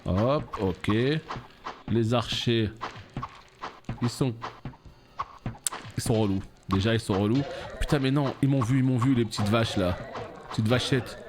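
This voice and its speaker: A man streaming a game live, reacting loudly, swearing and talking to his chat. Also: mid-range voice, unhurried, long pauses. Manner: excitable, swears, talks to chat. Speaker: gaming streamer. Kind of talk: live let's play commentary. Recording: music playing behind.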